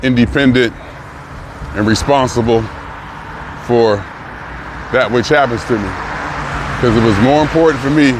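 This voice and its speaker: An older man in his early sixties records a reflective personal vlog while walking along a busy city street. He muses aloud in a halting way, pausing and restarting as he thinks, in a mid-range voice. Passing cars and street noise are audible throughout.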